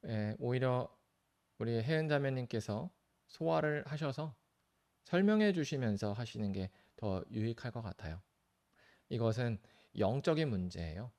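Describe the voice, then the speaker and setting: A man's voice: mid-range voice, darkish tone. A male pastor teaching in a live stream and taking viewers' questions, earnest and pleading, with sudden lifts of stress on key words.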